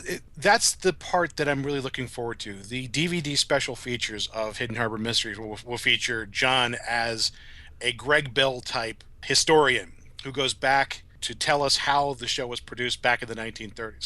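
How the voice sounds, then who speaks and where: A guest on a casual podcast, a man who writes audio dramas, talks articulately and with enthusiasm. His voice is medium in pitch with a sharp tone.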